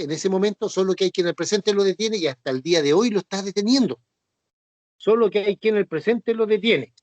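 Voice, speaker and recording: High-voiced man preaching a Bible lesson. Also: no echo. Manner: repetitive, checks understanding with tag questions. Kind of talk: Bible teaching sermon.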